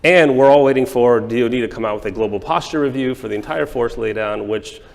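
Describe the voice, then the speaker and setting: A man interviewing a guest in a chatty, joking way with quick asides. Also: mid-range voice, creaky, slight background noise. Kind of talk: conversational interview questions. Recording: long hall reverb.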